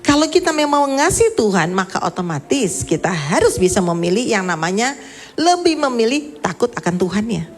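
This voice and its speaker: A middle-aged woman pastor preaching a sermon, swinging from emphatic rising lines to low, soft storytelling. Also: big pitch swings, fairly quick.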